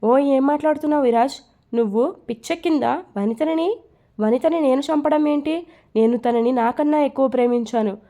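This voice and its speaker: A woman's voice: high-pitched, brisk, mellow, lightly acted. A woman reading the part of an indignant young man protesting his innocence in an audio story. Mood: defiant. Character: defiant young man under interrogation, protesting.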